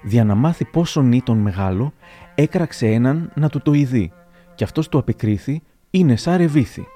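Dark-voiced man reading old anecdotes. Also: mid-range voice, expressive, soft background music. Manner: measured, formal reading. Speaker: narrator presenting historical anecdotes. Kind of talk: scripted reading of historical anecdotes.

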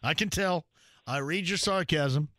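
A man's voice: fairly high pitch, unhurried, fairly bright tone. A man hosting a call-in sports radio show, chatting and joking with callers and laughing often.

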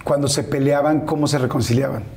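Mid-pitched interviewer, asking brief questions. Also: steady tone, brisk, creaky, darkish tone. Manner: brief prompting questions and affirmations. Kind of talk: conversational interview.

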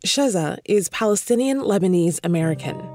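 A woman reporter giving measured, scripted news narration and asking interview questions. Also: fairly low pitch, animated, a little mellow, faint music behind.

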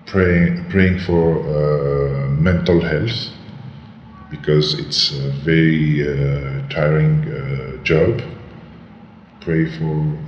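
A man from North Africa giving halting interview answers as a church leader, his voice disguised by an artificial deep pitch shift. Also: steady tone. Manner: halting, hesitant phrasing. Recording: roomy, long reverb, dull lo-fi, noisy.

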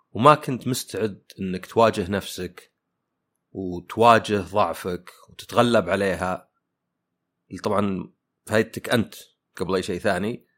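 A man's voice: fairly low pitch, brisk, fairly bright tone. A man hosting a podcast, thinking aloud in a casual reflective monologue full of fillers and rhetorical questions. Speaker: podcast host.

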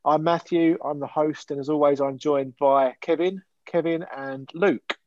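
A man's voice: on the high side, steady tone, moderate pace, darkish tone, no echo, dull audio. Frank man hosting a football podcast. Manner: conversational, frank, steers the talk. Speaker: podcast host. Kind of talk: casual football podcast chat.

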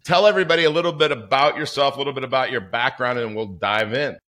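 A man's voice: medium pitch, fast talker, bright, forceful tone. A man hosting a podcast interview, chatty and rambling, poking fun at himself. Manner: chatty, rambling, self-deprecating. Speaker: podcast host. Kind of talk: casual interview chat.

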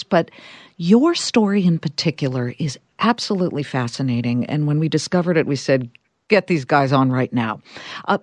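A woman's voice: low voice, darkish tone, no room sound. A woman hosting a podcast, interviewing guests with enthusiasm. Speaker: podcast host.

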